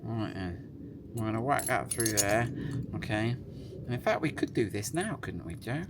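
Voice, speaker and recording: A product presenter with a lowish, animated voice runs through a casual hands-on demonstration at a moderate pace. He chats and thinks aloud while working, and background noise is clearly audible in the recording.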